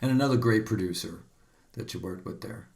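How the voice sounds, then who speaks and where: A man's voice: lowish voice, fairly quick, vocal fry, a little mellow. A man hosting a radio show, asking questions eagerly and filling gaps with lots of ums over a video call. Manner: enthusiastic, many fillers. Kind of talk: casual interview.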